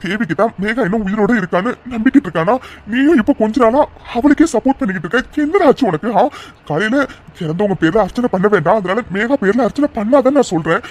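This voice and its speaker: A man's voice: sits high, lively intonation, fast talker. A man voicing an anxious, stubborn middle-aged father in a cartoon drama, who repeats his words. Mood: exasperated.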